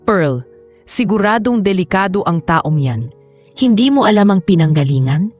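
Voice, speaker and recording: A woman's voice: mid-range voice, animated, normal speed, a little mellow, faint music behind, pitched above the performer's own voice, natural voice. A woman voicing a nosy, suspicious middle-aged village man in a spoken love story.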